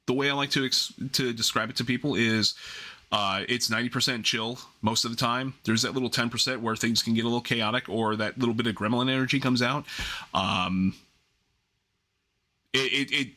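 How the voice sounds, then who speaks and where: A man's voice: medium pitch, bright, forceful tone. A man hosting a livestream in casual gaming chat, rambling and often interrupting himself as he gets sidetracked. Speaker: livestream host.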